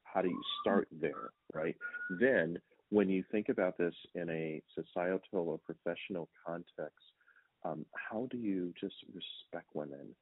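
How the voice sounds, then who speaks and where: Deep husky man on a phone line. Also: unhurried, no echo. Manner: earnest, preachy, uses rhetorical questions. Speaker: motivational speaker guest. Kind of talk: interview answers. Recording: dry tinny phone-like sound.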